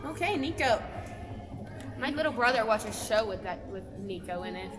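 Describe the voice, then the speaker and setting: A woman's voice: fairly high pitch, animated, normal speed, over music. A young woman giving a chatty, casual guided tour, speaking inside a cave with a long echo. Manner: chatty, addresses the group as guys. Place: inside a large cave, on a boat on an underground lake. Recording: echoing cave with long reverb.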